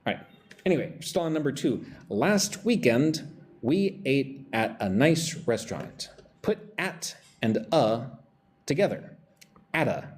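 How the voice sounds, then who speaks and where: A man's voice: medium pitch, big pitch swings, measured pace, darkish tone, slight background noise. A man teaching English pronunciation on a live stream, talking with energy and reading out viewers' chat messages.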